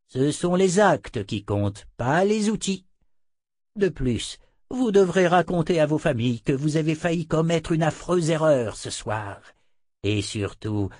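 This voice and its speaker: A man reading a French audiobook, voicing a sly, theatrical male wizard who speaks slowly and deliberately with mock sincerity. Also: fairly high pitch, a little mellow, no room sound, clean studio sound, pitched above the performer's own voice.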